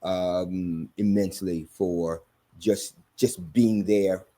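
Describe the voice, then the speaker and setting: A man's voice: sits low, steady tone, slow, dark tone. A man hosting a sermon-style commentary, talking in an emphatic, repetitive preaching cadence. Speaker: host.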